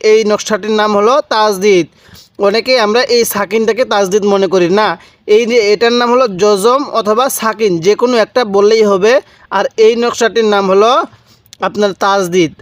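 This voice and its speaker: A man teaches beginners to read the Quran, his high voice spelling out syllables one at a time. He repeats each sound patiently and checks in with questions. The recording is close and dry, with no room sound. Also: no echo. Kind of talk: spelling-out lesson for learners.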